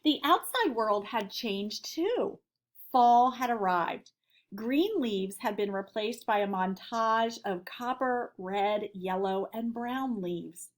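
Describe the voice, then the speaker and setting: Speaking expressively and taking her time, a fairly high-voiced American woman teaches elementary students during a read-aloud. She keeps her questions and explanations simple and clear.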